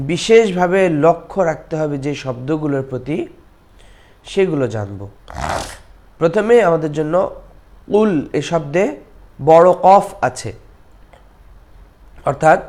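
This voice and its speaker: A man teaching Quran recitation. He chants slowly and stretches the words out, then explains pronunciation and repeats the sounds to show them. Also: a little high, a little mellow.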